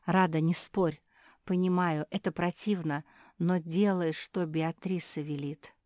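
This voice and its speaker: A woman voicing a hurt female pug who speaks quietly and with strain in a children's storybook. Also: lowish voice, fairly even intonation, unhurried, dry recording, studio quality, natural voice. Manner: quiet, strained whisper-groan.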